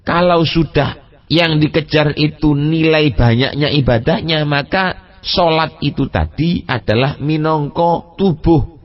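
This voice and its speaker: A man with an East Javanese accent preaching at a religious study session, lively, asking rhetorical questions and speaking straight to his listeners, now and then chanting Arabic text with a Javanese gloss. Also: fairly high pitch, dull audio. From East Java. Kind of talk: mosque study sermon mixing Indonesian and Javanese.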